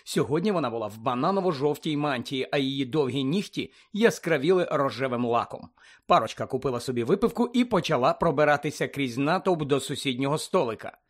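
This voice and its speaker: A man narrating a story aloud in a calm, even reading voice. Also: mid-range voice, fairly quick. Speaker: audiobook narrator.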